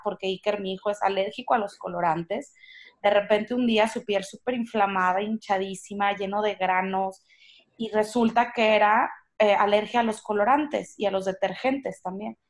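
A woman co-hosting a podcast, talking in an earnest, casual way and warning parents directly. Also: mid-range voice. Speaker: podcast co-host.

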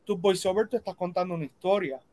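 An interview host asking questions and sharing views in a relaxed chat, thinking aloud with fillers and switching into English. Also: medium pitch, fast talker.

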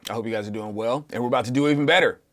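A man's voice: mid-range voice, rapid-fire, fairly bright tone, slight background noise. A man hosting a podcast Bible study, chatting casually and joking, laughing often and using lots of fillers.

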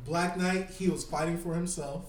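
A man's voice: a little high, fairly even intonation, normal speed. A young man co-hosting a podcast, goading his friends in casual slangy banter. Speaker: podcast co-host. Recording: echoey noisy room, off-mic.

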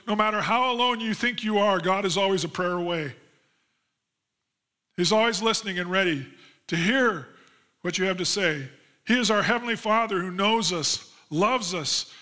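High, bright-voiced male pastor preaching. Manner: reads scripture passages aloud and then expands on them; earnest, rising emphasis on key promises. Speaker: lead pastor. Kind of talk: sermon.

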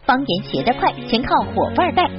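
Lively, quick female entertainment news narrator. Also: sits high. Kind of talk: scripted narration. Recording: slightly dull sound over loud music.

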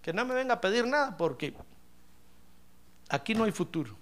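A man's voice: sits high, sing-song, normal speed, fairly bright tone. A man preaching, voicing a bitter, stubborn old widow who scolds and exasperatedly refuses.

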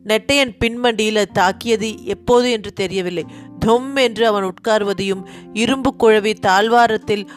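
A woman reading a story aloud in a steady, expressive voice. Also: mid-range voice, moderate pace, faint music behind. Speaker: narrator. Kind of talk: storybook narration.

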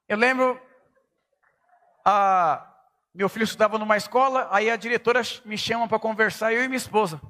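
Middle-aged man, pastor, high-pitched and forceful, emphatic sermon delivery. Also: normal speed, long pauses. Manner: emphatic preaching, shouting at peaks.

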